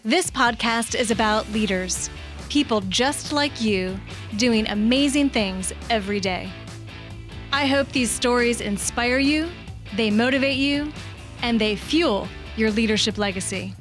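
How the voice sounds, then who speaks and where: A woman host opening a podcast with a steady, inspirational scripted welcome. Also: on the high side, measured pace. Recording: music bed under the voice.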